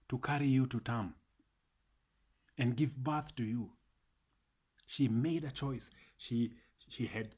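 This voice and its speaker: A man, talking casually and warmly to viewers in a motivational vlog, repeating phrases for emphasis. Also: mid-range voice, husky. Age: 30s. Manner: repeats phrases, mixes in Swahili. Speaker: vlogger.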